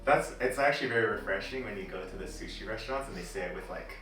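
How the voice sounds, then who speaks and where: A man's voice: fairly low pitch, fast talker. A young man co-hosting a casual podcast chat, laughing often, loose and rambling. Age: young adult. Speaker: podcast co-host. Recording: very echoey room, mic far off.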